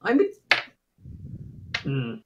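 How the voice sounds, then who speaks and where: A woman's voice: very slow, dull audio. A young woman player chatting casually at a tabletop game, hesitant and musing, with lots of hmms.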